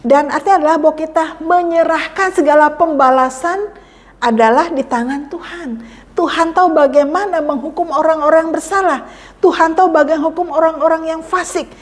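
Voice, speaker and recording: A woman's voice: extremely high pitch, fairly quick, big-room sound. A woman pastor preaching a sermon, repeating key phrases for emphasis and acting out pleading prayers. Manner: acts out pleading prayers to God. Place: church.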